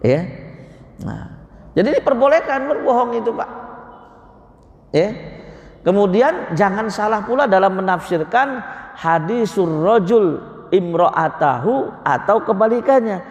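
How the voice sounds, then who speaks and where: A middle-aged man giving a conversational mosque sermon as a preacher, telling lively stories and acting out everyday dialogues. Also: sits high, unhurried, pauses often. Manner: lively storyteller who acts out everyday dialogues. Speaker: Islamic preacher. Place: mosque hall. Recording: long reverb of a mosque hall.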